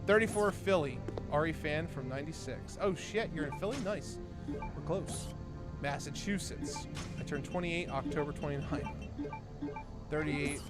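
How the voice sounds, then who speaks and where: A man's voice: a little high, moderate pace. A man in his twenties from New Jersey, co-hosting a live stream and reading viewer comments aloud with jokes and laughs. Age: 20s. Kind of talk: casual live-stream chat. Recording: game music loud under voice. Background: video game music.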